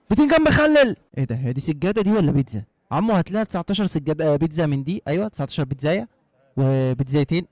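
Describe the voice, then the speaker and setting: An Egyptian man chats his way through a food vlog. His delivery is jokey and animated, and he drops into mock-formal lines now and then. The voice is quick, swoops up and down, and is recorded close and dry. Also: medium pitch, no echo. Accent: Egyptian Arabic. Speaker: vlogger. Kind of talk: playful food vlog commentary.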